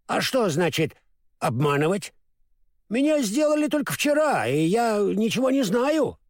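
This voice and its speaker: Man voicing a high, bouncy scarecrow who trips over his words; storybook, dry close sound. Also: very animated, measured pace, dry recording. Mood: eager. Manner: stammers, mixes up words then corrects himself. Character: clumsy naive straw scarecrow, male, cheerful. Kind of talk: storybook reading.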